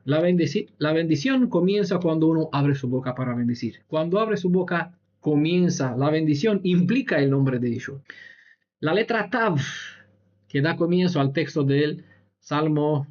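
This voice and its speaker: A man's voice: on the high side, darkish tone. Man teaching patiently in a muffled recording. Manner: patient, explanatory, checks in with a frequent "¿vale?"; spells out Hebrew letters slowly, with short laughs. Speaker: Bible teacher. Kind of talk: explanatory Bible lesson.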